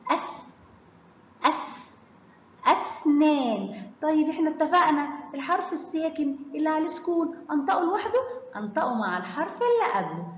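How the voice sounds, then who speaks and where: Egyptian woman teaching kids, lively and high. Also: slight background noise. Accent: Egyptian Arabic. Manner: draws out syllables slowly and quizzes the children with questions. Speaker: children's reading teacher. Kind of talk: children's phonics lesson. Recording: echoey hall, slightly dull sound.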